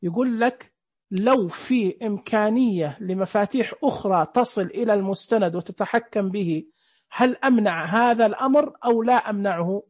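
A man's voice: sits high, normal speed. A man teaching a screen reader class online, explaining each setting step by step and asking the listeners questions. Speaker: instructor. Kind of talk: screen reader software tutorial.

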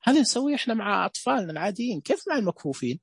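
A man giving a lecture, animated and often asking his audience rhetorical questions. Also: high voice, racing, vocal fry, breathy edge, dry recording.

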